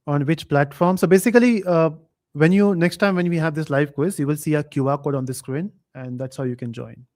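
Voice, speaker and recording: A man runs a live quiz stream in a relaxed, chatty way. His voice sits a bit on the higher side, and he often pauses on fillers while he reads viewers' comments aloud. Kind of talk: casual live stream chat.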